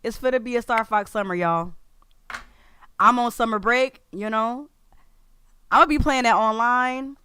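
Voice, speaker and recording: A man's voice: very high voice, measured pace, pauses often, pushed and bright, clean tone. A man streaming a casual reaction to a game trailer, talking in an informal, slangy and emphatic way.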